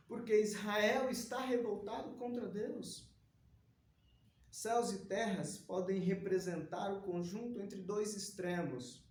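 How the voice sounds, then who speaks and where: A man preaching a sermon and praying with an earnest, emphatic delivery. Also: extremely high pitch. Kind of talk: sermon with opening prayer. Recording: echoey room.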